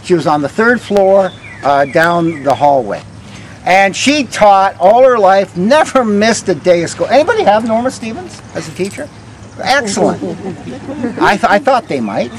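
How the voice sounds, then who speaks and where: An older man with a fairly high voice works as a walking tour guide, telling local stories in a conversational, halting way. His phrases often trail off softly. He is recorded outdoors, with faint street noise behind him. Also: big pitch swings. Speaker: ghost walk guide, former vice principal. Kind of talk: live storytelling to a walking tour group.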